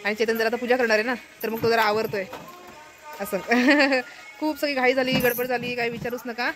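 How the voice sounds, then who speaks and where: A woman narrates a home vlog from a phone, chatty and direct with her viewers. Her voice sits a touch high. She sounds worn out, with a headache she keeps mentioning. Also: fairly even intonation, brisk, over music. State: tired with a headache. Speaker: vlogger. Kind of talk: casual family vlog narration. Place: village home during monsoon rain.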